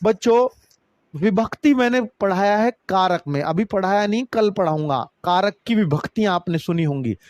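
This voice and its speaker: A man teaching a grammar lesson. He talks to his students as kids and keeps swinging between emphatic high phrases and low, drawn-out ones. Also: animated, darkish tone, no room sound, lo-fi sound. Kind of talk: online exam-prep grammar lesson.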